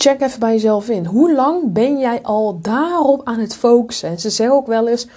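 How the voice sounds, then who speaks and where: Female podcast coach, slightly high voice, frank and blunt, casual swearing. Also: animated, moderate pace, dark tone. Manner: frank, blunt, uses swear words and English asides. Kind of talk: direct motivational monologue.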